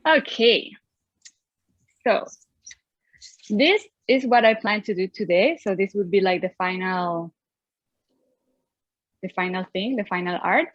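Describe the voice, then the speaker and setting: A young native Spanish speaker with a Venezuelan accent teaches an online drawing class, cheerful and laughing often as an art teacher. She speaks slowly at a medium pitch, leaving long pauses. There is no echo, and the highs are cut off.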